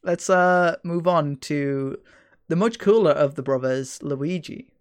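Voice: medium pitch, slow, smooth. A podcast host steering the topics and teasing co-hosts in casual banter. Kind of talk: casual chat.

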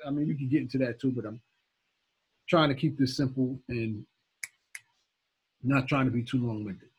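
A man's voice: mid-range voice, steady tone, moderate pace, husky, dull audio. A man giving an informal Bible teaching, repeating his points with emphasis and talking directly to his listeners.

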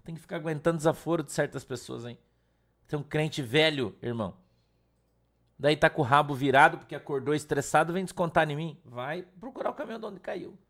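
Pastor from Brazil, male, high and bright-toned, blunt, scolding, slangy preaching. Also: fairly quick. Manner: blunt, scolding, slangy, mimics whiny congregants. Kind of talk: blunt informal sermon.

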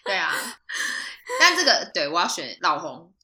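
Giggly young woman, in a relaxed podcast chat. Her pitch swings widely as she talks through silly scenarios, and her tone is bright. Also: fairly quick. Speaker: podcast co-host. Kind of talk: casual chat.

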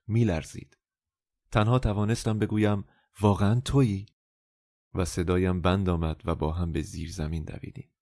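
A man narrating a novel as an audiobook in a measured, calm first-person storytelling manner. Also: deep voice, no echo, studio quality.

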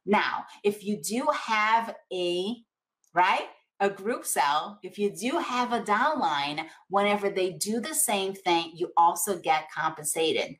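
A woman's voice: mid-range voice, animated, takes it slowly, fairly bright tone. A woman with a Latin American accent giving a motivational coaching talk, speaking emphatically with repeated phrases and rhetorical questions. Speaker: network marketing coach.

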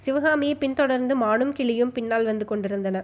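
A woman narrates a historical novel with dramatic, emotive delivery. Her voice sits a little high. The reading is steady and expressive. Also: fast talker, muffled recording. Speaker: audiobook narrator.

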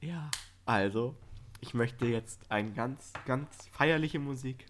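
A man's voice: medium pitch, slow pace, a crowd in the background. A young man co-hosting a casual podcast, talking in a playful, rambling way full of jokey asides. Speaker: podcast co-host. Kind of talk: casual chat.

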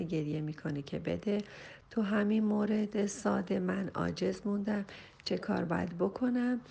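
A woman's gravelly, slightly mellow, medium-pitched voice carries a recorded message in which she, a family counselor, reads a listener's question and responds with earnest, emphatic advice on raising children. She slows and rises for emphasis as she counsels.

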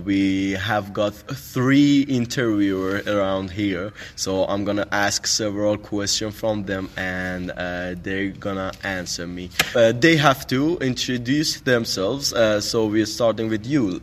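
A man's voice: fairly low pitch, fairly bright tone. A young man hosting a casual podcast interview, hesitant and full of filler sounds and restarts. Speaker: podcast host interviewing teens.

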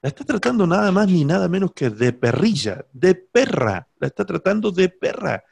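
A male preacher delivers a sermon with lively energy. His voice sits a little high for a man. He keeps pausing to check that his congregation is following. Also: creaky, husky. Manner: asks the congregation "¿sí?" to check they follow, animated.

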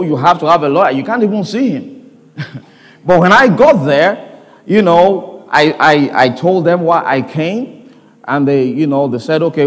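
A middle-aged man preaches in a high, ringing voice, telling stories from the pulpit. He swings between loud declarations and hushed moments. His voice carries a long reverb from a large convention hall. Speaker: pastor. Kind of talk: sermon.

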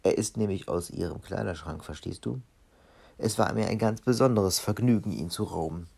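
Brief: man reading a gruff, boastful robber giant from a storybook, low gravelly voice. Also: normal speed, warm tone, exaggerated voice. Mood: pleased. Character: big bearded gruff male robber giant.

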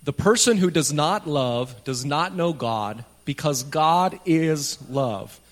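A pastor preaches a sermon into a pulpit microphone in a church sanctuary, talking to the congregation plainly and conversationally with light jokes. His voice sits on the high side, animated, and he takes his time.

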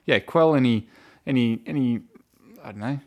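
A man's voice: mid-range voice, normal speed, muffled recording. Hesitant Australian man podcasting from a shed. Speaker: sports podcast co-host. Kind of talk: casual football discussion. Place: in a wooden shed in the countryside, poorly soundproofed.

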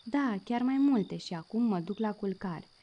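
A woman's voice: mid-range voice, lively intonation, lo-fi sound, lightly acted. A woman voicing a cheerful, proud little male kitten who mispronounces words in a childlike way. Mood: sweet.

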